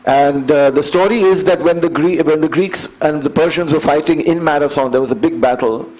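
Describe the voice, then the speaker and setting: Slightly high-voiced Indian man in his fifties. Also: darkish tone, low-quality recording. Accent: Indian English. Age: 50s. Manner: earnest and measured, building points by repeating phrases. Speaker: guest, endurance athlete. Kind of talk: conversational storytelling interview.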